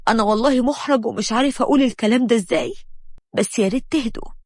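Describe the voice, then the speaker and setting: A woman with an Egyptian Arabic accent voicing a calm, sympathetic middle-aged father who reassures a frightened mother. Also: on the high side, rapid-fire, no room sound, clean studio sound, close to an everyday voice. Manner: gentle, reassuring.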